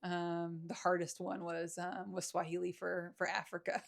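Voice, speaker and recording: A woman's voice: on the low side, flat delivery, normal speed, creaky. A woman with a Southern accent, a podcast guest, talking in a reflective, hesitant way with many fillers. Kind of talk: casual conversation.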